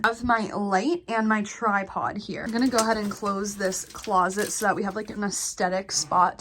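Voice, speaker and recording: A woman's voice: mid-range voice, a bit bright. A young woman chatting casually through a home vlog, talking to the camera and filling her sentences with "like". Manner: chatty, says "like" a lot. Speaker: influencer vlogger. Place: home, bedroom and bathroom.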